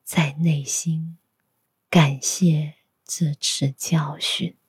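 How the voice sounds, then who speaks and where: A woman guiding a meditation in a soft, soothing, breathy spa-like whisper, giving gentle instructions. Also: low-pitched, level tone, extremely slow, no room sound, clean studio sound. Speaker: guided meditation narrator.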